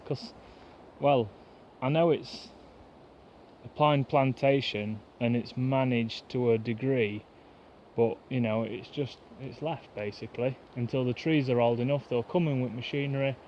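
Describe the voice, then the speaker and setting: A man chatting fast and rambling to the camera in a pine woodland, like a bushcraft vlogger. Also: mid-range voice, darkish tone, slight background noise. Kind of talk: casual rambling chat to camera. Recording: dull lo-fi outdoor recording, faint woodland ambience.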